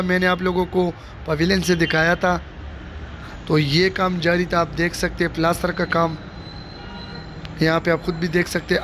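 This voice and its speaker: A man's high, slightly bright voice narrates a casual walking tour of a stadium being built, shot outdoors on a phone he holds himself. He's a vlogger giving construction updates, speaking directly to his viewers, repeating phrases as he shows things, with faint outdoor noise around.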